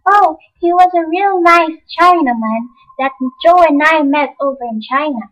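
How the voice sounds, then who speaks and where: Woman as Annie, very high-pitched excited little girl. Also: normal speed, poor audio. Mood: delighted. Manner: gushing, exclaiming in folksy slang. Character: Annie, excitable plucky young orphan girl. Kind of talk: old-time radio play acting by an amateur.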